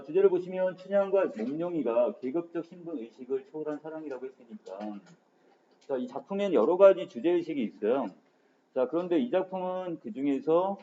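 A man's voice: on the high side, mellow. A male literature teacher giving an online exam-prep lecture in a casual manner, starting sentences with frequent filler words, in a dull lo-fi recording.

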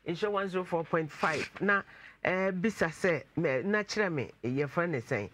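Animated woman talk show host. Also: on the low side, a little slow, a little hiss or hum. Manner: animated, chanting catchphrases. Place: TV studio.

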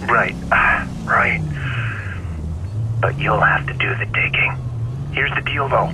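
A man's voice: medium pitch, sing-song, slow, background noise. An actor playing a jittery, chummy male street informant in a video game, with a colloquial, wheedling manner. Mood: bargaining.

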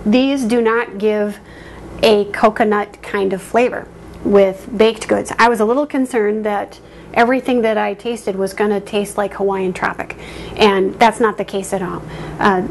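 A woman's voice: mid-range voice, slight background noise. A woman in her thirties giving a casual cooking demonstration in her home kitchen, talking in a friendly, conversational way with frequent ums and uhs.

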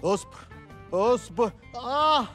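A man's voice: very high-pitched, animated, slow pace, a bit bright, faint music behind, full character voice. An actor playing a sick man who insults and then panics, with an Egyptian accent. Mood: irritated. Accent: Egyptian Arabic. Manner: insulting, dramatic.

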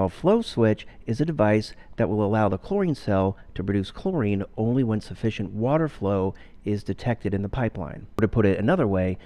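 A middle-aged man giving a steady, explanatory instructional voice-over as a pool care instructor. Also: on the low side.

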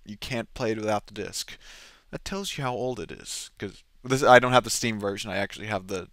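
Male let's play host, lowish voice, rambling and hesitant gameplay chat. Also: brisk, a bit bright, no echo. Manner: rambling, hesitant, many restarts. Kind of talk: casual gameplay commentary.

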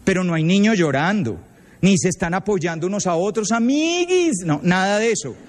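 A man with a Colombian accent giving a talk as a retreat leader, telling lively stories and acting out the people in them. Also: sits high, a little fast. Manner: lively storyteller acting out quoted voices. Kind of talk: lecture to parents with anecdotes. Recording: long hall reverb.

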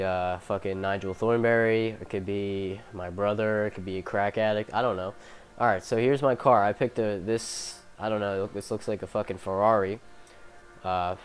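A young man, sick and coughing, giving casual, profane, rambling commentary over a racing game from his bedroom on a headphone mic. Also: lowish voice. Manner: profane, rambling, self-mocking. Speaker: gameplay commentator.

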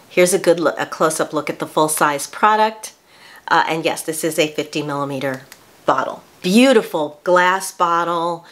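Woman in her sixties, slightly low voice, chatty product review, restarts sentences, small bedroom, camera at desk distance. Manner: chatty, with frequent restarts and self-corrections. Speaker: beauty vlogger.

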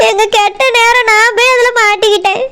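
A woman's voice: extremely high pitch, fairly even intonation, a little fast, pushed and bright, exaggerated voice. A woman voicing a young wife who sobs and complains bitterly about her husband, in a Tirunelveli Tamil accent. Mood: sobbing. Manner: sobbing, resentful complaints.

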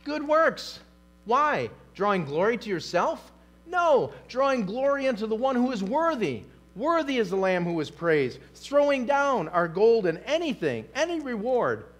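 A man's voice: very high voice, very animated, measured pace. A male pastor preaching a sermon in a church, emphatic and repetitive, asking the congregation questions. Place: church sanctuary.

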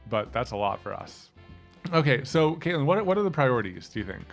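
A man co-hosting a casual let's-play, excitable, blurting quick exclamations and repeating himself mid-sentence. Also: medium pitch, creaky. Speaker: gaming channel co-host. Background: game music.

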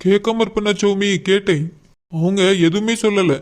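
A man's voice: sits high, normal speed, background noise, close to an everyday voice. A man voicing a doting young father, soothing and determined. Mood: telling.

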